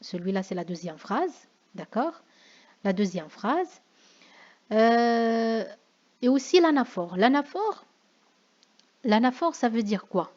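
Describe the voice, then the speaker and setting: The recording is dull and lo-fi as a woman teaches a French class on figures of speech, slowly and with frequent pauses. Her Moroccan-accented voice is fairly high and darkish, with big pitch swings, and she keeps asking "d'accord?" to check understanding.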